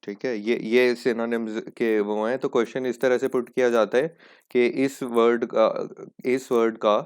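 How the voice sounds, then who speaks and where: A man teaching an exam prep lesson in casual Hindi-English, explaining patiently and reading English examples slowly. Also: medium pitch, a little mellow, clear, resonant tone. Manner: explains patiently, repeats "ठीक है" often.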